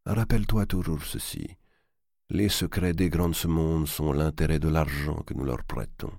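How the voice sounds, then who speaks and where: An old, shrewd banker, as a man reads him, speaking slow and low, calm and weighing each word. The voice is deep and close, with a dry sound. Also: vocal fry, dry recording, full character voice. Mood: measured. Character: old cunning male banker, tender with his nephew.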